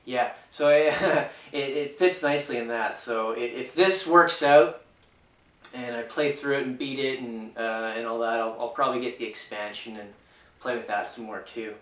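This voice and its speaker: A man's voice: mid-range voice, normal speed, a bit bright. A man giving a casual, unscripted board game review, hesitant and full of fillers and restarts. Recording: echoey room, mic far off.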